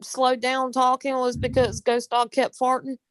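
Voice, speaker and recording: A woman with a slightly high voice chats casually. She sounds like one member of a live stream panel. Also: completely flat delivery, a little slow. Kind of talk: casual chat.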